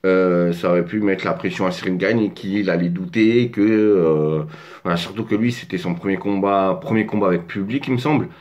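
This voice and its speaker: A man's voice: low-pitched, moderate pace, a little mellow, dull audio. A man from France casually breaking down a fight on his own at home, rambling with lots of fillers and restarts. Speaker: MMA fight commentator. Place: home desk.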